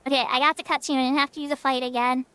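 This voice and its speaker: A woman's voice: sits high, little pitch movement, rapid-fire, sharp tone, clear, resonant tone, dry recording. A woman livestreamer chatting casually while gaming, in a cute anime-girl manner.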